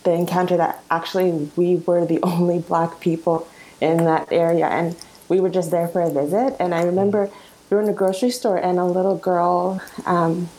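A woman from Canada sharing a personal memory in a reflective, measured way during a panel discussion. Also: fairly low pitch, level tone, mellow, rough recording. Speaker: panel participant.

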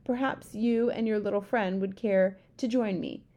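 A woman's voice: medium pitch, steady tone, normal speed, mellow, natural voice. Woman voicing a regal storybook queen, formal, unflappable. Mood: poised. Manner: formal, poised. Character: composed, regal older queen.

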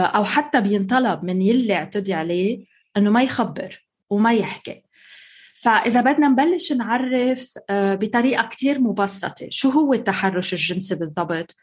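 A woman with a Levantine Arabic accent who hosts a show, reading a scripted introduction and then asking a guest clear, earnest questions. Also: medium pitch. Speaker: host.

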